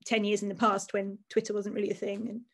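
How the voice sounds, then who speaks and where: A woman's voice: medium pitch, monotone, quick pace. A woman in her forties, an author, chatting casually and self-deprecatingly on a video call from a room at home.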